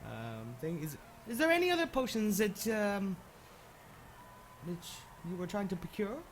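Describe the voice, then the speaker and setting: A man's voice: sits high, big pitch swings, measured pace. A man improvising narration as a tabletop game master, hesitant and thinking aloud. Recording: clear background noise.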